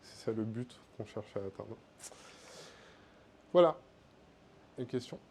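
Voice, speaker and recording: A man's voice: lowish voice, animated, slow pace, gravelly, a little mellow, slightly rough. A man with a French accent giving a casual tech meetup talk, with many fillers. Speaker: conference speaker. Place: meetup room.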